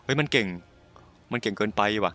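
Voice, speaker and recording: A man's voice: on the low side, brisk, soft background music. Swearing young man commenting on a game. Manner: profane, excitable, swears constantly. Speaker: gaming YouTuber. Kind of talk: casual let's-play commentary.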